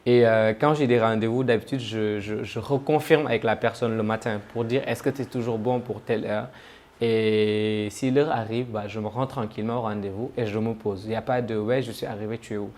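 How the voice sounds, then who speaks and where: A man's voice: lowish voice, fairly even intonation, fairly quick, a little mellow. A man from Senegal talking casually to camera about himself, chatty and joking at his own expense. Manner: chatty, joking, self-mocking. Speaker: travel vlogger.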